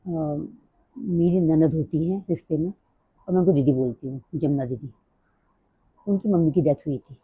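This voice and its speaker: Fast-talking husky low-voiced woman. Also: no echo. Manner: rambling, drifts off topic. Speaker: vlogger. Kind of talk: casual personal vlog talk. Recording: dry, tinny phone-like sound.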